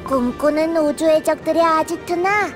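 A woman's voice: high voice, moderate pace, lightly acted. An actress voicing a playful, chatty female conductor of a space train in a game story. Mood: breezy. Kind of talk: scripted game story dialogue. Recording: music behind the voice.

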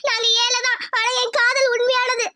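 A woman voicing a gentle, poor young village girl in a cartoon, pleading and tearful. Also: very high voice, flat delivery, normal speed. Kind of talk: cartoon voice acting.

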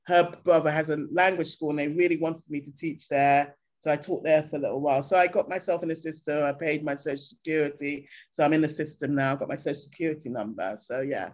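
Speaking fast with hardly a pause, this older woman from England has a low voice and brings her stories to life by imitating the locals. She's an interview guest chatting casually over a video call from a bright room in her home, and the call audio comes through dull and lo-fi.

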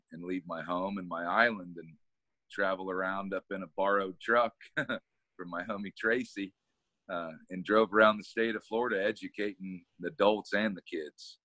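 A deep-voiced Kansas man in his thirties, an environmental educator appearing as a guest, tells his story in a relaxed, casual way during a video-call interview. He laughs often and repeats words as he starts. His webcam audio has no echo.

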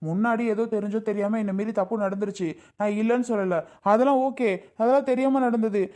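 A man's voice: high-pitched, fairly even intonation, brisk, mellow, natural voice. A man voicing a jealous young ex-husband in a Tamil cartoon drama, insistent and self-justifying as he tries to win back his wife. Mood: pleading.

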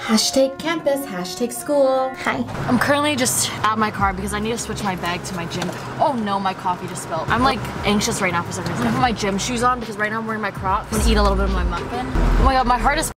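Talking fast but pausing often, this medium-pitched 19-year-old from Canada vlogs about her day over loud music. The high school student has a North American accent and keeps things slangy, candid and self-deprecating as she speaks to a handheld camera at arm's length.

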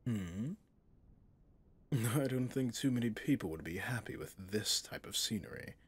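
Playing a possessive, manipulative prince villain for an ASMR roleplay drama, this male actor uses a lowish, breathy, husky voice that is expressive and exaggerated. His soft, measured, courtly phrasing carries a coolly genteel mood.

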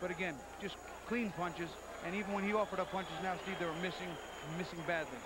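A man's voice: high-pitched, fairly even intonation, a little fast. A man analysing a fight as a commentator, conversational, plain-spoken and explanatory. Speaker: boxing analyst. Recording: noisy old TV sports broadcast. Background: loud arena ambience.

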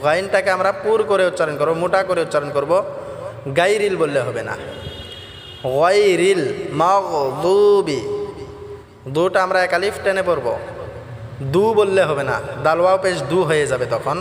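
A man teaching how to pronounce verses, explaining each sound slowly and chanting the lines in a drawn-out way. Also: high voice, slight background noise. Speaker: Quran recitation teacher. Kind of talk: tajweed lesson with chanted recitation. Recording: echoey hall with faint music.

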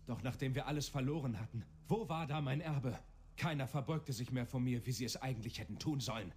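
A man's voice: medium pitch, brisk, darkish tone, a little hiss or hum, lightly acted. An actor playing a self-pitying, entitled fallen nobleman in a fantasy video game. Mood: bitter, self-pitying. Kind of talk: video game character acting.

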